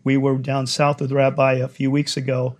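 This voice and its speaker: A man leading prayer and preaching a sermon, his voice hoarse while it recovers, given to emphatic repetition. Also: mid-range voice, completely flat delivery, moderate pace. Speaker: congregation leader.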